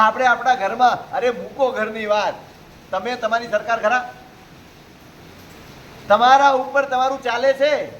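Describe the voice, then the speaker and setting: A man's voice: very high-pitched, a bit bright, a little hiss or hum, low-quality recording. A man preaching a sermon to a live audience, pressing them with rhetorical questions and exhortations. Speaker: Jain preacher.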